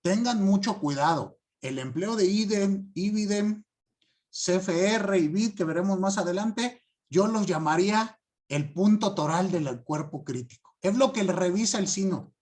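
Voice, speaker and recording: A man giving a class lecture, stressing key words and often asking students if it is clear. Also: high-pitched, expressive, a little slow, darkish tone. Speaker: law teacher.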